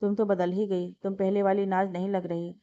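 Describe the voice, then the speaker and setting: A woman voicing a caring young woman who gently coaxes and scolds her friend. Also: mid-range voice, little pitch movement, normal speed, no room sound, close to an everyday voice. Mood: coaxing. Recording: dull lo-fi dry recording.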